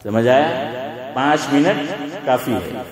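A man's voice: mid-range voice, animated, slow, over music. A man giving a conversational religious lecture, often checking with listeners through rhetorical questions. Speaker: Islamic scholar. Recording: echoey hall with crowd.

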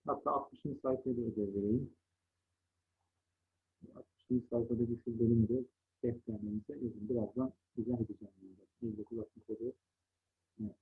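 Husky teacher on a tinny line. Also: male voice, mid-range voice, steady tone, a little fast, pauses often. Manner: patient, contrasting wrong and right word forms. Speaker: primary school teacher. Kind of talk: online lesson to second graders.

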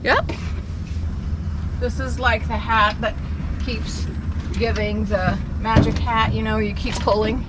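A woman from Nebraska calmly listing items while unpacking a storage unit outdoors. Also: fairly high pitch. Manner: slow, calm, lists items. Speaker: reseller vlogger. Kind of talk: casual chat while unboxing. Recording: loud outdoor noise.

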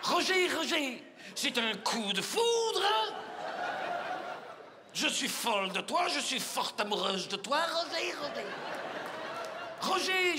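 Man playing a lovesick young woman, high-pitched, insistent, loud audience laughter behind. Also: vocal fry, background noise. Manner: insistent, repeating herself. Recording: live stage with audience laughter.

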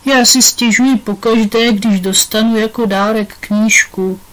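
A woman's voice: fairly high pitch, fairly even intonation, fairly bright tone, natural voice, low-quality recording. A woman reading aloud, voicing the smallest boy in a class, grumbling and complaining in a storybook.

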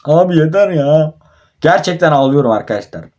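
Playing a football game on his phone, a young man narrates the action live and curses at his players in frustration. He sounds fairly high-pitched and a little mellow, speaking in an animated, fairly quick way.

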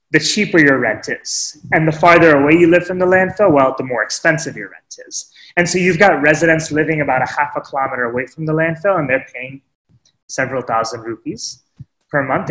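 A man telling a reflective story in a webinar talk, earnest and unhurried, with pauses and small restarts. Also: medium pitch, a bit bright, roomy sound, rough recording. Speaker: webinar speaker sharing teaching stories. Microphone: webinar microphone.

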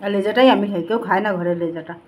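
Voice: mid-range voice, very fast, darkish tone. An eating vlogger, chatting casually to viewers at home with a mouth full of rice. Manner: chatty, talks straight to viewers between bites. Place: at home, at a meal table.

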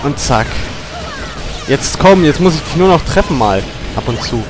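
A man commenting on his own gameplay, grumbling and cursing at the game, with loud yelps and outbursts whenever he gets hit. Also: on the high side, animated, normal speed, music in the background. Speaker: let's player. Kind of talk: gaming commentary.

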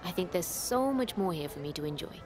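In a radio soap, an actress plays a polite, enigmatic newcomer to a village, acting in a naturalistic style with a polite, knowing mood. Her natural voice is on the low side, expressive and a little fast.

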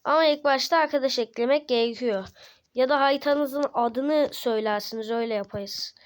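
A woman hosting a gaming channel, giving excited gameplay commentary, slangy and playful as she cheers on and taunts her teammates. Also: high-pitched, fairly quick, clear, resonant tone.

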